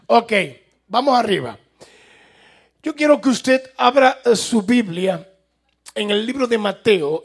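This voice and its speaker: Male pastor, jovial preacher, high and husky voice. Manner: jovial, laughs at his own slips. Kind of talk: sermon.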